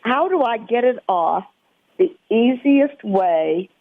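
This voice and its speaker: A woman's voice: on the high side, animated, takes it slowly, no room sound. A woman from Louisiana calling in to a radio show, asking a question hesitantly. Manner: hesitant, searching for words. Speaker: caller. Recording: tinny phone line.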